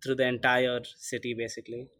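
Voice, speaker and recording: A man's voice: mid-range voice, monotone, brisk, pushed and bright. A teenage boy from India co-hosting a casual podcast, talking loosely with lots of fillers. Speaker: podcast co-host.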